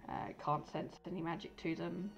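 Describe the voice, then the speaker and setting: A woman's voice: fairly low pitch, steady tone, normal speed, gravelly. A woman speaking casually as game master, narrating a tabletop game and asking players for checks. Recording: faint music behind.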